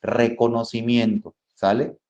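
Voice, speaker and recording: A man's voice: mid-range voice, level tone, measured pace, darkish tone, lo-fi sound. A man with a Mexican accent, a psychologist giving a conversational motivational talk full of rhetorical questions. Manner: conversational, asks rhetorical questions, addresses audience as friends. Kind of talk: motivational lecture.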